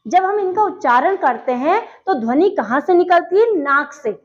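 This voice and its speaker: High-voiced woman teaching a grammar lesson. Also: lively intonation, moderate pace. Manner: explains step by step, asks questions and answers them. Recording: dull lo-fi recording.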